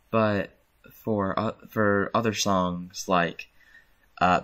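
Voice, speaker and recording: A young channel host screen-records while casually remarking on his own videos, rambling, correcting himself, and chuckling. His voice is on the low side with a sharp tone.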